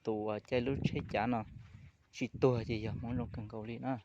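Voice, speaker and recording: A man's voice: medium pitch, fairly even intonation, fairly quick. A man talking casually and loosely, rambling from one point to the next. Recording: muffled recording with crowd noise. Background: crowd chatter.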